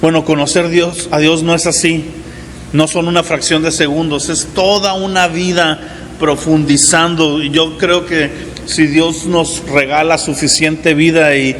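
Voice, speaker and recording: A man in his forties preaching a sermon as pastor, talking in a relaxed conversational way and often checking in with the congregation. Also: a little high, big-room sound, a little hiss or hum. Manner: conversational preaching with frequent "¿verdad?" asides. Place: church hall.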